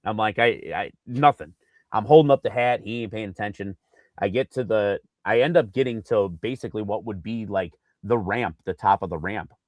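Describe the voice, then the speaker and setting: A man co-hosting a casual sports podcast, telling an animated story with lots of fillers and acted-out quotes. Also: fairly low pitch, normal speed, dry recording. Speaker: podcast co-host.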